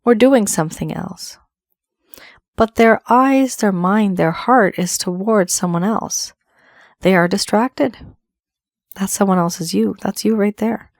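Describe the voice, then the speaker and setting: A woman's voice: medium pitch, a little slow, dry recording, studio quality. A woman giving an earnest tarot reading, her voice still worn from the flu, repeating phrases for emphasis. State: voice affected by flu. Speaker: tarot reader.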